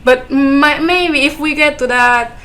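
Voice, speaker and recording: Guesting on a relaxed podcast chat, this young woman from Ecuador speaks English with her native Spanish showing in an Ecuadorian accent, giggling frequently while she searches for words. She talks slowly in a high-pitched, fairly bright voice. There's a slight hiss or hum in the audio.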